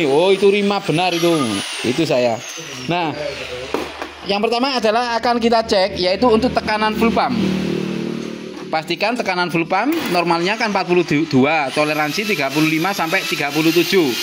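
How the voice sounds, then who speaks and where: A Javanese-accented mechanic talks his viewers through a repair in a casual, chatty way. His voice sits a little high for a man. Clear workshop noise and running engines sit behind him. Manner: chatty, explains while working, acts out customer's words. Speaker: motorcycle mechanic.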